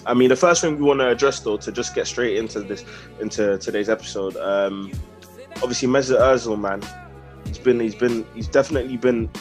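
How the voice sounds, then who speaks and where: A man's voice: medium pitch, brisk, soft background music. A young man with a London roadman accent, hosting a casual football podcast in slangy, repetitive banter. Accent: London roadman, urban British slang. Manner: slangy, repeats phrases for emphasis. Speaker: podcast host.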